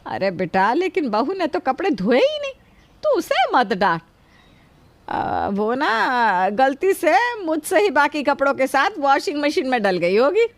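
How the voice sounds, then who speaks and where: A woman voicing a protective, soft-hearted older mother-in-law in a cartoon, scolding gently and coaxing. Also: sits high, big pitch swings, unhurried, dry recording, exaggerated voice. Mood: fond. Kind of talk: cartoon voice acting.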